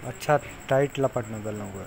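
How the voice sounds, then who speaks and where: A man with a medium-pitched voice talks a little fast, casually walking through how to tie fishing hooks step by step as he works. He's a fishing tutorial maker with a plain, instructive manner, chatting while he ties knots. The recording is clear, with insect noise in the background.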